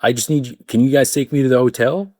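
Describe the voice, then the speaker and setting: A man's voice: fast, no room sound, clean studio sound. A young man with an Arabic accent, originally from an Arabic-speaking country, telling a personal story in a casual monologue and acting out the people in it. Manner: animated, acts out quoted people with rising pitch. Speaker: vlogger.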